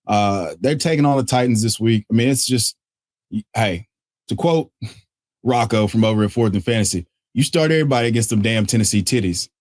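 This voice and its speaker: Dry, joking fantasy football host. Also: male voice, medium pitch, no room sound. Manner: excitable, joking asides, quick self-corrections. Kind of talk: casual waiver-wire breakdown. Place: at a desk indoors.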